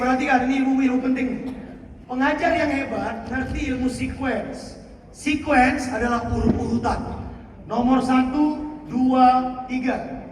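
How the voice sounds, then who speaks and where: Guy with a really high voice running a teacher seminar, loud call and response, echoey hall, mic far off. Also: noisy background. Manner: energetic, drills the audience with call-and-response; stretches key words slowly for emphasis. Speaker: teacher trainer. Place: school hall.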